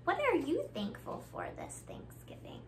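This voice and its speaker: With huge pitch swings in a high-pitched voice, a woman in her thirties reads a picture book to young children at a measured pace. Noise fills the background. She's a library storytime host speaking expressively in a small living room by a window, a few feet from the camera.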